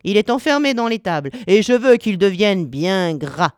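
A woman voicing a cruel old witch who lures children, sweet-voiced at first, then sharp and commanding. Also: big pitch swings, normal speed, no room sound, clean studio sound, lightly acted. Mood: shrill. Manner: honeyed then shrill, commanding.

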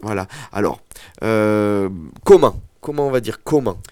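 A man teaching an Occitan lesson, explaining words slowly with hesitant fillers. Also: fairly low pitch, animated, a little mellow, clear, resonant tone, no echo, studio quality. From southern France. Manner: slow, hesitant, many fillers.

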